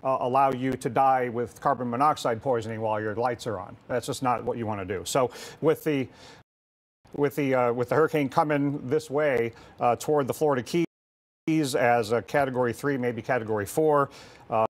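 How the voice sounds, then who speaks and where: A man hosting live weather coverage and interviewing, speaking in halting, hesitant phrases. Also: medium pitch. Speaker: weather broadcast host.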